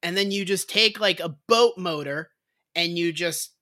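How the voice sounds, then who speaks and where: Bright-voiced woman chatting, rambling with laughter. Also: lowish voice, measured pace. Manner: rambling, filler-heavy, laughs often. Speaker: podcast co-host. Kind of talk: casual comedic chat.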